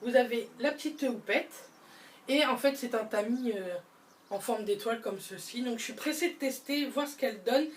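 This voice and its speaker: A chatty, enthusiastic young woman with a fairly high voice talks through her beauty purchases in a relaxed vlog. She often doubles her words for emphasis. The voice sits a little away from the microphone, with a faint hiss behind it. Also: moderate pace, recorded from a distance. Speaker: beauty vlogger. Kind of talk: casual haul vlog chat. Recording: voice a bit away from the mic, faint background noise.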